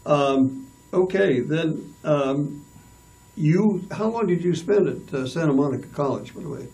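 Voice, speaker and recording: A man hosts a relaxed interview, with a mellow voice. He keeps backing his guest with short affirmations. He sounds a little far from the mic. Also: on the high side, unhurried. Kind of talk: casual interview.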